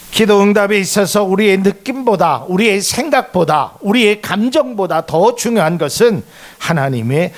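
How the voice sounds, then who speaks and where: A man's voice: high voice, creaky. A middle-aged male pastor preaching a sermon, acting out quoted voices and rising to emphatic peaks.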